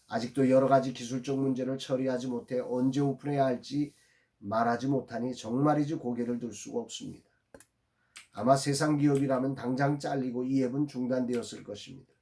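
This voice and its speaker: A middle-aged male pastor giving a calm, reflective devotional meditation, reading scripture aloud and then explaining it. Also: mid-range voice, creaky.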